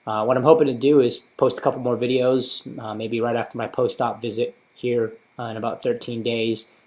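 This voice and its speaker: In a personal, informative video diary, an American man in his thirties talks about his surgery as a patient. Casual and matter-of-fact, he speaks a little fast at a medium pitch, with little pitch movement and a somewhat mellow tone.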